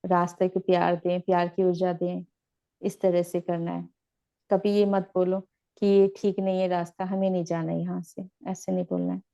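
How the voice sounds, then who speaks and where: A woman teaching meditation in a gentle, repetitive, instructive way. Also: fairly low pitch, level tone, normal speed, gravelly, muffled recording. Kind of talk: guided spiritual teaching.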